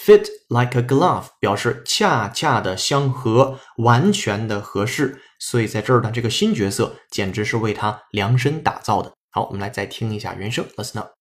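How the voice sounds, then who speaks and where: A man's voice: lowish voice, lively intonation, normal speed, few pauses. A man teaching English on a podcast, explaining sentences patiently with frequent "ah" and "uh" fillers.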